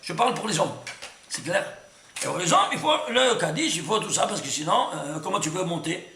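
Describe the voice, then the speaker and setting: A man teaching a Torah class to a room of listeners, lively and emphatic, often stopping to ask whether everyone follows. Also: high voice, fairly quick, creaky, roomy sound, slight background noise. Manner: lively and emphatic, full of restarts, asks "C'est clair?" often. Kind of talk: animated Torah lesson.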